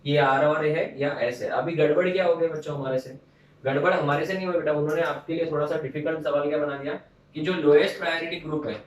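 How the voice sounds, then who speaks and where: A man's voice: on the high side, dull audio. A man teaching a chemistry class in a lecture style, coaxing and playfully teasing his students. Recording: echoey room from a distance.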